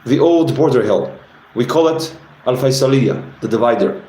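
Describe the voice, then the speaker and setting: A man's voice: medium pitch, normal speed, warm tone, reverberant, close to an everyday voice, low-quality recording. A man reading aloud from his own novel and voicing a laid-back, joking carriage rider in close to his own voice. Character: easygoing male carriage rider and guide.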